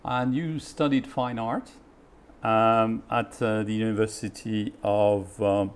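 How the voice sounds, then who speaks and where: A man hosting a formal interview, speaking politely and carefully, with frequent pauses. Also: fairly low pitch, fairly even intonation, clean tone. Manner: measured and polite, with frequent hesitations.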